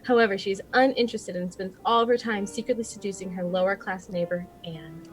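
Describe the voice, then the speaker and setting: A woman's voice: medium pitch, brisk, faint music behind. A woman playing a story game on a live stream, chatty and bubbly, laughing often. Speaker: player. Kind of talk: casual live-stream chat.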